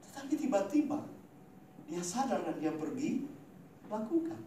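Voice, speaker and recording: A male pastor preaching a sermon, addressing the congregation directly, swinging between loud emphatic peaks and quiet low asides and tagging his lines with a questioning "ya". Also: sing-song, normal speed, slight background noise. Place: church hall. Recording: very echoey hall, from far off.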